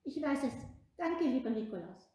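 A woman voicing a grumpy, lonely man in a children's story, by turns shouting and hesitant. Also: high voice, expressive, moderate pace, pitched above the performer's own voice. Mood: plaintive. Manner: shouting, then hesitant and wondering. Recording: echoey room.

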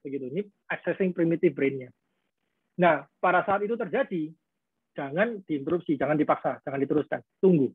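A man's voice: fairly high pitch, a little fast, breathy edge, no echo. A man answering parenting questions in a webinar, explaining conversationally and acting out quoted exchanges. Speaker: guest speaker on parenting. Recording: tinny phone-like video call audio.

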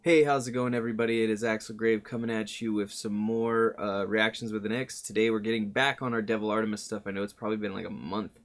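A man's voice: lowish voice, fairly even intonation, fast, few pauses. A young man hosting a reaction video in casual chat from a small room. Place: small wood-panelled room indoors.

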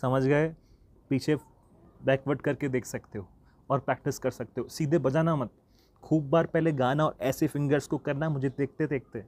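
A man's voice: mid-range voice, fairly even intonation, moderate pace, a little mellow. A man teaching a flute lesson in a casual, chatty way, singing the note names aloud as he goes. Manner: chatty and encouraging, sings the notes aloud. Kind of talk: casual online music lesson.

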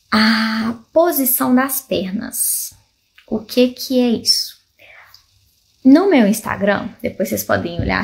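A woman, a pelvic physiotherapist, explaining to viewers in a lively, demonstrative way, asking rhetorical questions, drawing everyday comparisons and using many diminutives while seated indoors. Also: medium pitch. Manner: fond of diminutives. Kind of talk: explanatory health talk to viewers.

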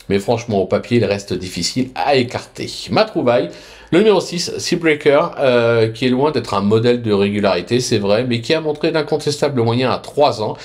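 A man's voice: mid-range voice, darkish tone. A man presenting his horse racing betting tips in a video, upbeat, with frequent hesitant fillers between phrases. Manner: upbeat promotional delivery of picks.

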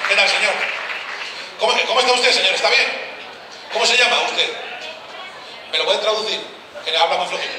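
A fast, high-voiced man does brash stand-up, teasing the audience and swearing as he goes. He is picked up from a distance, and his voice rings through a very echoey live space over steady crowd noise. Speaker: stand-up comedian. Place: outdoor town festival stage.

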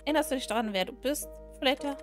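A woman voices a calm, cold female doll who considers herself a queen, speaking low, measured and solemn. Her voice is natural, and music plays underneath.

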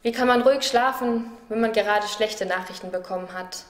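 A woman speaker from a church district giving a spoken devotional reflection in a calm, measured, reflective way. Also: fairly high pitch. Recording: roomy echo.

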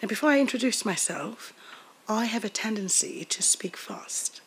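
Woman presenting, slightly breathy. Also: medium pitch, expressive, normal speed, fairly bright tone, rough recording. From South Africa. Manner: thoughtful, with frequent fillers and repeated words. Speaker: workshop presenter. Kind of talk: academic talk. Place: university seminar room. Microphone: desk microphone.

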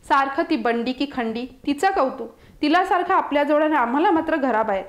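A woman's voice: high-pitched, expressive, brisk, roomy sound. A woman voicing a proud male guard dog who grumbles about being left out, in a storybook reading. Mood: aggrieved.

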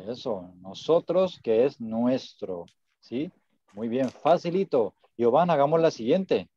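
A man's voice: mid-range voice, animated, measured pace, warm tone, husky, lo-fi sound. A man teaching an online Spanish class, patient and encouraging, repeating words so students can drill them.

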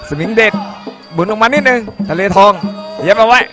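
High-voiced male fight caller over music. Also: a little fast. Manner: punchy, repeated short phrases. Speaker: ringside Muay Thai commentator. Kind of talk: live fight commentary.

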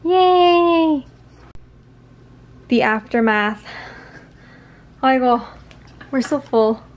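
A young woman vlogs into a handheld camera, talking slowly and easily with a slightly high voice. She is relaxed and giggly and drops in Korean words. There is clear noise behind her. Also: highs cut off. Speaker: vlogger. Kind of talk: casual vlog chat. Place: car, then small apartment kitchen. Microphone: handheld camera close to face. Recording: noisy handheld camera audio.

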